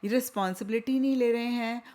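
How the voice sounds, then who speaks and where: A woman's voice: on the high side, fairly even intonation, fairly quick, mellow. A woman giving a tarot reading, talking chattily and mixing Hindi with English phrases, often repeating points for emphasis. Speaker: tarot reader. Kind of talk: tarot reading talk to camera.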